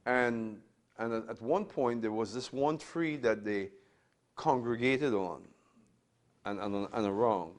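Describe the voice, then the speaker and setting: Teaching a Bible class in a conversational way, this older Trinidadian pastor speaks slowly at a medium pitch. He keeps asking "right?" and says things more than once.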